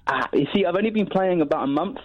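Guy calling into a radio show on the phone, kinda high voice, nervous little laughs. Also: expressive, fast talker. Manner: hesitant, laughing, self-deprecating. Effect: heard over a phone line. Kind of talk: casual chat.

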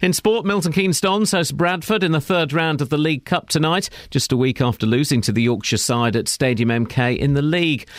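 A man's voice: on the high side, fairly quick, few pauses, no room sound, studio quality. A man with a British accent reading a scripted radio news bulletin. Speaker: radio newsreader. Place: radio studio.

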